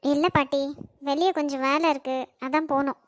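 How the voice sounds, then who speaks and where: A woman voicing a defiant young granddaughter, high and sharp. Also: fairly even intonation, a little fast, no room sound, studio quality, natural voice. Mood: curt. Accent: Kanyakumari Tamil. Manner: sharp, curt and resentful. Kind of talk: amateur cartoon voice acting.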